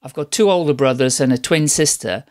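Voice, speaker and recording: A man's voice: medium pitch, a little fast. A middle-aged man from the Netherlands, a podcast guest chatting at length about his life in a rambling, restarting way. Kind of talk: casual interview storytelling.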